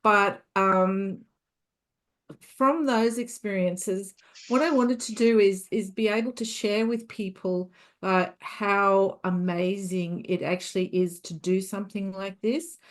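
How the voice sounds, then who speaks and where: Relaxed woman hosting a webinar. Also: medium pitch, takes it slowly. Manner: relaxed, with frequent fillers. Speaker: business coach hosting a webinar. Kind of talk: online webinar talk.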